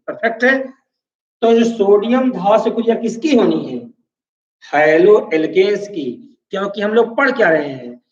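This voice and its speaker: High-voiced male teacher in an echoey room. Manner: explains step by step, checking in with "है ना" and "ठीक है"; asks the class questions and answers them himself. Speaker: chemistry teacher. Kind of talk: classroom lecture. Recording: echoey room, distant mic, dull lo-fi sound.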